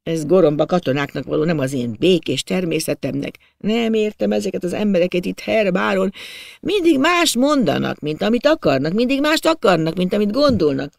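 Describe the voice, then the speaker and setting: A man's voice: high voice, lively intonation, gravelly, no room sound, studio quality, voice pushed up. A man voicing a timid, self-pitying imperial official from Prague who laments his lot in a storybook reading. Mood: lamenting. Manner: plaintive, wistful lamenting.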